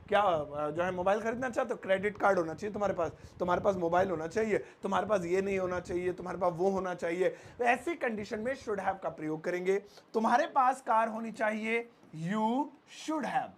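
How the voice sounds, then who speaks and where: Casting: high-voiced male tutor, explains grammar with playful everyday examples, slows down to repeat key phrases. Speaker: English teacher. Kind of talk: Hindi-language English grammar lesson.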